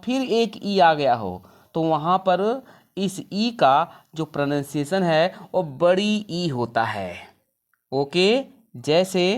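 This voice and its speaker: A woman teaching an English lesson in a classroom style, asking questions and answering them herself, and drawing out example words slowly. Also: fairly low pitch. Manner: slow, drawn-out words when spelling out examples.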